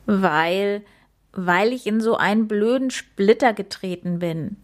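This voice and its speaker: A woman voicing a big, hairy, gentle male forest creature in a children's story. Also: mid-range voice, expressive, measured pace. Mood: whimpering. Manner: whiny, then gleeful and solemn.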